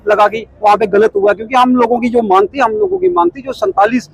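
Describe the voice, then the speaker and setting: A man's voice: extremely high pitch, expressive, fast talker, vocal fry, a little hiss or hum, rough recording. A middle-aged man, a protest committee member, giving an impassioned statement full of repeated rhetorical questions.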